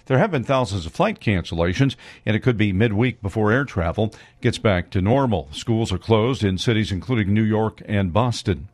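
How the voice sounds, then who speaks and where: A male radio news anchor reads the bulletin in a measured, steady voice that sits fairly low. The studio sound is dry and close, with no room echo. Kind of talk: scripted news reading.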